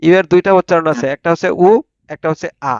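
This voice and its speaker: A man teaching an online pronunciation class, sounding out words slowly and having students repeat them. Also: on the high side, dry recording. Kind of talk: online spoken English class. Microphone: online video call. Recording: dull lo-fi online call audio.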